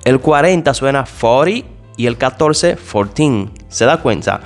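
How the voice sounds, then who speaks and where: A male English teacher with a lively, rising and falling voice, talking directly to his listeners. He asks questions and answers them himself, and says each example word lower and softer. Faint music plays under him. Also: unhurried. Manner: addresses listeners directly and informally. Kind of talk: spoken language lesson.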